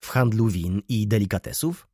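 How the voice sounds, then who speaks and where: A man voicing a polite, ingratiating male sales agent who asks curious questions, with a husky voice. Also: fairly low pitch, normal speed, darkish tone, dry recording, clean studio sound. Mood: inquisitive.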